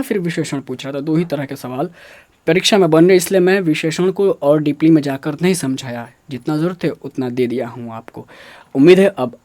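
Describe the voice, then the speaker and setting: A man's voice: fairly high pitch, darkish tone, no echo. A man teaching Hindi grammar for an exam. He asks questions and answers them himself, repeats the key words, and stresses careful pronunciation. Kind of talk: exam-prep grammar lesson.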